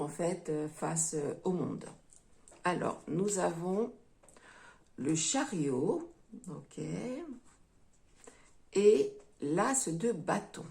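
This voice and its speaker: Speaking at a fairly low pitch, this tarot reader addresses her viewers as friends during the reading. Her manner is soft and relaxed, broken often by hesitant pauses.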